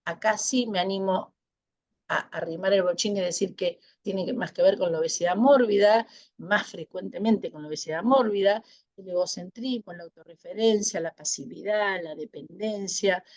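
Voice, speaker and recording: A woman's voice: medium pitch, unhurried, a little mellow, dry recording, dull audio. A woman with an Argentine accent giving a conference talk as a psychologist, thoughtful and hesitant, with many fillers and restarts. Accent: Argentine Spanish. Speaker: panel speaker, psychologist. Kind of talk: conference presentation.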